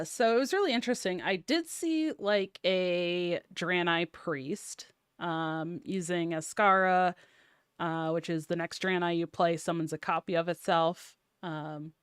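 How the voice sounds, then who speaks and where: A woman with a low, smooth voice chats about card games in a loose, filler-filled way. The sound is dry and close, with no room around it. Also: steady tone, slow pace, dry recording. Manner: chatty, many ums and likes. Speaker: podcast guest. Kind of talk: casual card game discussion.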